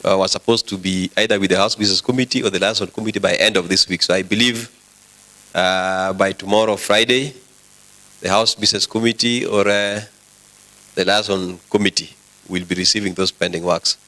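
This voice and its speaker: A man with a Kenyan accent presiding over an assembly, formal and directive, with halting delivery. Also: sits low, steady tone, sharp tone, rough recording. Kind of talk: formal parliamentary rulings. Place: assembly chamber.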